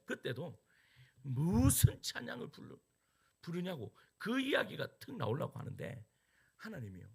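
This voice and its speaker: A middle-aged man preaching as a pastor, telling a personal story with sudden loud peaks and hushed asides. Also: on the high side, vocal fry, breathy edge.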